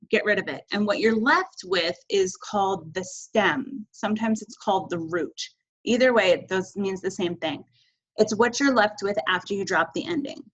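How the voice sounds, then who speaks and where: A woman's voice: medium pitch, a bit bright, low-quality recording. A woman teaching Spanish verb conjugation in a recorded video lesson, upbeat and encouraging, chanting endings.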